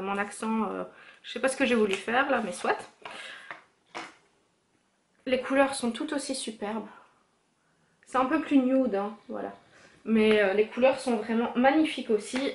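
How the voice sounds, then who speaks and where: A woman's voice: a little high, fairly bright tone, a little hiss or hum. A young woman showing her makeup purchases in a casual haul video, chatty, with many fillers and self-corrections. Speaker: beauty vlogger.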